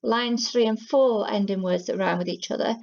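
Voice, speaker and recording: Woman, teaching assistant, friendly explanatory manner, gravelly voice, muffled lo-fi sound. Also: medium pitch, moderate pace, darkish tone. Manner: friendly, explanatory, with many fillers. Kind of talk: online teaching lesson. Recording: dull lo-fi home recording.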